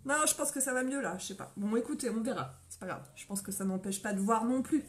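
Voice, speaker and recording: A woman's voice: fairly high pitch, quick pace. A woman from France doing a casual live makeup tutorial, chatty and friendly, greeting viewers by name and laughing often, a little winded and coughing after a run.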